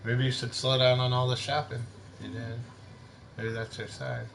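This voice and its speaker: A man's voice: medium pitch, level tone, moderate pace, gravelly, background noise. A man streaming a game at home, chatting and teasing his family in a joking way. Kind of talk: casual family chat on a live stream.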